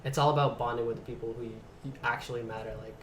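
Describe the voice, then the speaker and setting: A young man from the Bay Area, a guest in a casual interview chat, talking reflectively and trailing off quietly at the ends of his thoughts. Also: mid-range voice, steady tone, fast, roomy sound, a little hiss or hum. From San Francisco Bay Area. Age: young adult.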